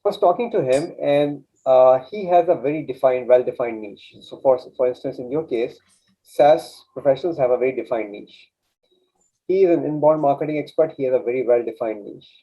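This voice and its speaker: A man whose first language is Urdu, appearing as a guest coach in a casual interview chat, tells a story earnestly and informally, restarting often. His mid-range voice has a breathy edge, and the audio is dull and lo-fi.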